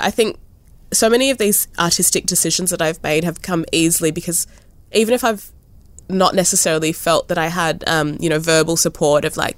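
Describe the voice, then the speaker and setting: This young artist, born in Ethiopia and raised in Kenya and Australia, has a low voice and a thoughtful, chatty manner in a casual conversational interview. She frequently says "like" and "you know," and her speech has lively rises. There's no echo on the recording.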